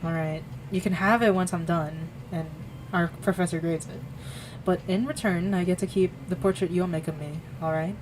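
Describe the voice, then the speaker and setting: Quiet young art student, as a woman reads him. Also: lowish voice, steady tone, moderate pace, background noise, lightly acted. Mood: low-key. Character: calm young male art student, shy and laid-back.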